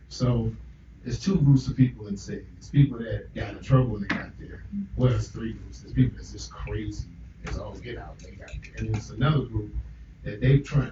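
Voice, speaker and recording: Earnest man recalling hard times, distant and roomy. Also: lowish voice. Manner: earnest and reflective, drops to a quiet tone. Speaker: author and minister, interview guest. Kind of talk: candid interview storytelling. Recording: roomy, distant, dull lo-fi with faint noise.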